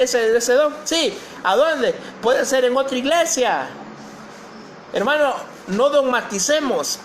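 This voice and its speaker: A man's voice: extremely high pitch, a bit bright, slight background noise. A male pastor preaching a sermon, posing questions to the congregation and reading scripture aloud.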